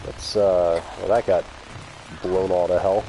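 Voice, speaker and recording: In a casual live stream of a video game, a man chats with viewers by name and laughs a lot. His voice is low and dark, unhurried with a flat delivery, and the audio is poor with a little hiss or hum.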